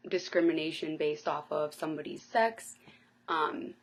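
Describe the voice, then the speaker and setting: A woman's voice: deep voice, a little slow, rough recording. A woman in her twenties, a college student, speaking hesitantly with frequent fillers in an interview. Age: 20s. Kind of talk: personal testimony.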